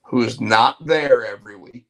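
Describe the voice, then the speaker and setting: A mid-range, slightly bright male voice, speaking a bit slowly, belongs to a co-host of a casual podcast recapping wrestling and TV. He chats, laughs, and builds up his points as he goes.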